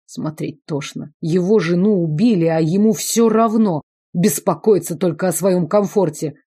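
A woman reading a first-person fantasy novel aloud in even, measured scripted audiobook narration. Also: fairly low pitch, breathy edge. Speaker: audiobook reader.

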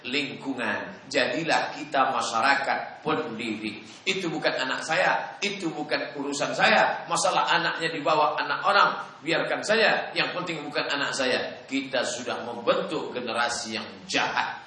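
A male preacher giving a dramatic, animated sermon in which he acts out dialogues. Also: medium pitch, normal speed. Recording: echoey hall, faint noise.

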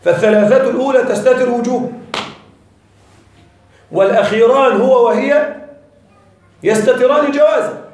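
A man's voice: very high-pitched, normal speed, pauses often, a little mellow. A man teaching a grammar lesson to a class, often checking that the students follow and repeating his key points. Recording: very echoey room, voice far from the mic.

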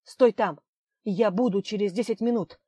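An explosive, hot-tempered man who barks his lines, pitched up and loud in bursts, as a woman reads him. The narration around him is close and dry, like a spoken audiobook. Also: moderate pace, slightly rough, no echo, natural voice. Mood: shouting. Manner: barking, shouting.

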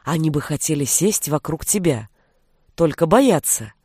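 A woman's voice: big pitch swings, unhurried, dry recording, clean studio sound. Woman voicing a sly, teasing young sorcerer. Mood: sly whisper. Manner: sly, playful, low murmuring. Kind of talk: audiobook character voice.

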